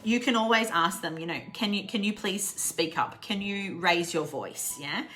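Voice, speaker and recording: An Australian woman giving a casual online English lesson, chatty and laughing often, slowing down to repeat example phrases. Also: medium pitch, fairly bright tone, soft background music. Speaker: English teacher.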